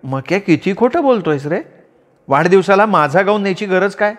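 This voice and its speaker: A man voicing a sharp-tongued young wife who scolds her husband. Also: sits high, animated, moderate pace, in a large hall, voice pushed up. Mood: demanding. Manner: scolding, exasperated.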